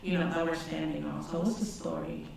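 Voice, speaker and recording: Gravelly casual moderator, echoey hall. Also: medium pitch, flat delivery, fairly quick, darkish tone, recorded from a distance, slight background noise. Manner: casual, inquisitive. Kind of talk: panel moderation.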